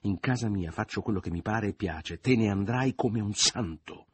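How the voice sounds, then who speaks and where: A man reading aloud, voicing a brutal domineering man who shouts with barely held-back fury. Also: low-pitched, moderate pace, breathy edge, no room sound. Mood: angry. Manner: loud, forceful, barely restrained anger.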